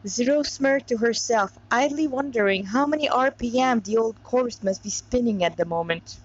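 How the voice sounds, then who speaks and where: Reading a story aloud in a loose, rambling style, this Montreal woman keeps stopping for chatty asides. Her voice sits a little high and moves at a normal pace, and the lo-fi recording sounds dull.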